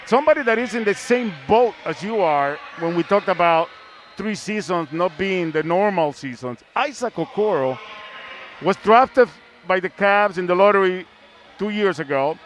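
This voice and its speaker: Faint background noise sits behind a sports broadcast host whose high voice is expressive and moves at normal speed. Leading a live sports discussion, he builds toward his questions by repeating phrases often.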